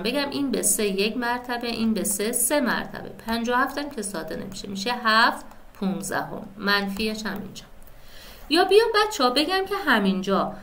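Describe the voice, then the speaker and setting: A woman's voice: mid-range voice, a bit bright, a little hiss or hum. A woman teaching a math lesson step by step, often checking in with her students by asking "right?". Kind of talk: step-by-step classroom explanation.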